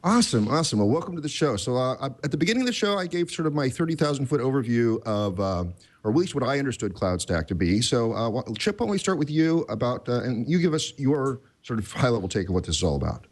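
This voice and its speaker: A man's voice: mid-range voice, very animated, quick pace. A man hosting a tech podcast in casual chat, rambling and self-deprecating, with many restarts. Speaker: podcast host.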